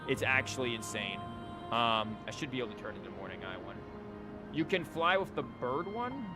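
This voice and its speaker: With a sing-song lilt in his medium-pitched voice, this man talks at a normal speed while streaming a game. He thinks out loud and wanders through explanations in laid-back live commentary, backed by game music and characters' lines.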